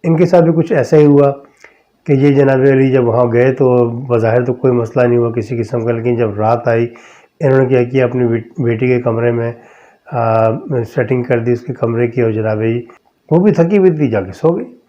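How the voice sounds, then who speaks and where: A man narrating a true horror story as a podcast host, slow and measured with drawn-out pauses. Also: medium pitch, fairly even intonation, warm tone, muffled recording.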